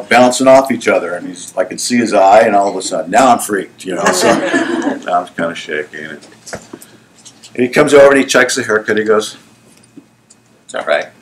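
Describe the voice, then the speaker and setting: Speaking at medium pitch, a middle-aged man who runs a salon and cuts hair recounts his career in a casual interview. He's animated and laughs a lot, often checking in with "you know what I'm saying".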